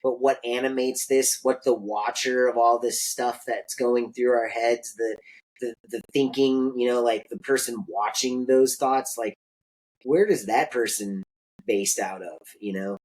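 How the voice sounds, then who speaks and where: A man's voice: medium pitch, steady tone, measured pace, a little mellow, rough recording. Laid-back man chatting casually. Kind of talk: casual chat.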